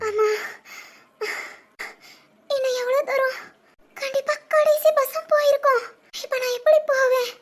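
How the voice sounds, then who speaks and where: A woman's voice: very high voice, fairly even intonation, measured pace, pauses often. A woman voicing a desperate young village woman in a cartoon drama, pleading and panicky as she runs from her pursuers. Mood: anxious.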